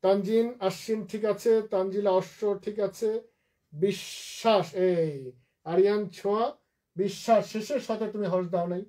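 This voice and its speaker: A man teaching a live online class, patiently repeating each word slowly to drill its pronunciation. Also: high voice, steady tone, mellow. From Bangladesh.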